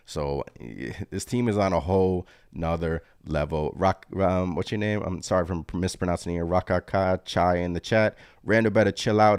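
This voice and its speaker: A low-pitched man hosts a live postgame reaction stream. He rambles excitedly and stops to read chat comments aloud. The sound is dry and close, with no room around it. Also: dry recording. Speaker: sports fan channel host.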